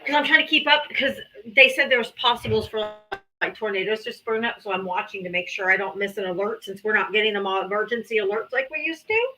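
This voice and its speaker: A woman's voice: medium pitch, animated, quick pace, bright, forceful tone, low-quality recording. A woman hosting a live political stream, chatting casually, laughing often and swearing now and then. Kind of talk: casual chat.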